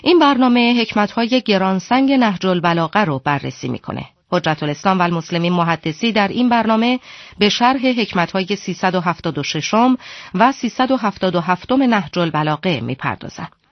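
A woman's voice: medium pitch, dry recording. A female radio presenter reads a scripted program introduction in a formal, composed way. The sound is dry and close. It also has a dull, lo-fi broadcast quality.

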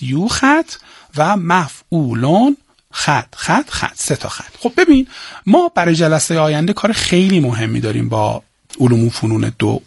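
Male teacher, lively pitch, husky voice, dry close sound, chants and dictates to a class. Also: no room sound. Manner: chants meter syllables slowly and dictates to students. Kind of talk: classroom lesson on Persian prosody.

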